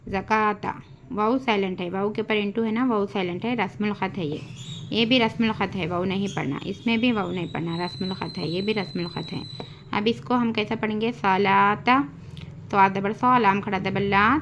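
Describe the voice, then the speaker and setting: A woman with an Urdu accent teaching Quran reading, spelling out letters and vowel marks in a slow, drawn-out recitation lesson. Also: medium pitch, fairly bright tone. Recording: dull lo-fi home recording, faint hiss.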